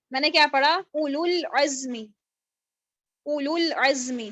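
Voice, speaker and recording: This woman has a high-pitched, slightly bright voice, and there's no room sound. She teaches a live recitation class online, going step by step and posing questions she then answers herself. It's captured on a video call with dull, lo-fi audio.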